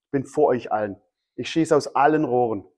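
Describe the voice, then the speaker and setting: A man's voice: medium pitch, fairly quick, darkish tone. A man preaching a sermon, emphatic and fond of repeating his key phrases. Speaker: pastor.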